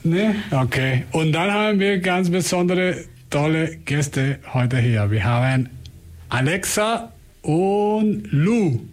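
A man's voice: a little high, unhurried. A man with a foreign accent, not a native German speaker, hosting a casual radio chat and often repeating and rephrasing his words. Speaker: radio host.

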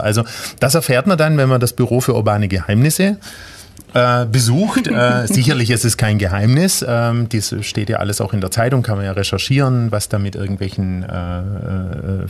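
A man in a casual radio chat, talking in a relaxed, joking way with hedging asides. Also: lowish voice, creaky.

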